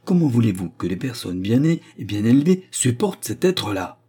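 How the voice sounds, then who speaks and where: A man's voice: a little high, moderate pace, dark tone, breathy edge, voice pushed up. A man voicing a haughty, sanctimonious aristocratic lady who talks with indignant emphasis. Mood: scandalized.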